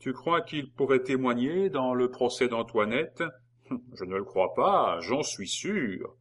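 A man reading as an excitable revolutionary jailer. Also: medium pitch, takes it slowly. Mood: eager.

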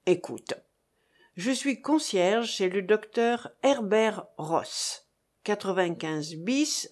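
A woman doing a gruff, curt male outlaw. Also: mid-range voice, darkish tone. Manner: curt, brusque.

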